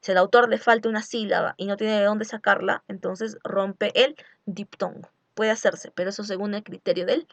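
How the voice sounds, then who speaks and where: Woman lecturer with a gravelly voice, recorded dry and close; walks through each step slowly and poses questions to the class. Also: mid-range voice, steady tone, fairly bright tone, no echo, dull audio. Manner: slow, deliberate, spelling out syllables and asking rhetorical questions. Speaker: literature teacher. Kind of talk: recorded lecture on poetic meter.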